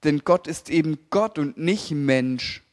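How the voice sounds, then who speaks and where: A young man preaching a sermon, lively and emphatic, speaking directly to the congregation. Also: a little high, slow.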